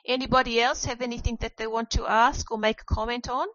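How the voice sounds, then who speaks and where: A woman leads a group discussion and speaks for the whole group in a gentle, encouraging way. Her voice comes through a dull, lo-fi recording with no room sound at all. It sounds close and dry. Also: on the high side, fairly even intonation, fast talker, no echo. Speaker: group facilitator. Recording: muffled lo-fi, dry.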